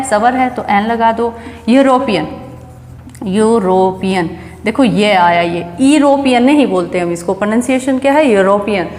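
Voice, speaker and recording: A woman's voice: fairly high pitch, a little mellow. A woman teaching an English grammar lesson, explaining step by step and asking and answering her own questions. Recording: echoey room with long reverb.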